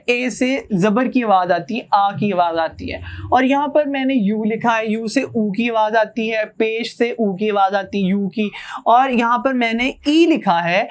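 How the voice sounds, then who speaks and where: High-voiced young man teaching a lesson. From Pakistan. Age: young adult. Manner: explains patiently, asking the class rhetorical questions. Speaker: student teacher. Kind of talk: classroom grammar lesson.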